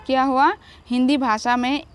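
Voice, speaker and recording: A woman's voice: high-pitched, flat delivery, moderate pace, clear, resonant tone. A woman teacher giving a grammar lesson to children, asking questions and answering them herself.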